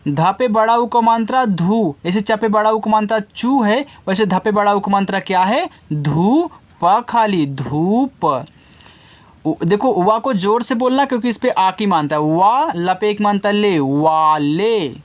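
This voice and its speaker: A man teaching children to read, slowly sounding out each syllable and then saying the whole word. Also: sits high. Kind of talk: slow Hindi reading lesson for children.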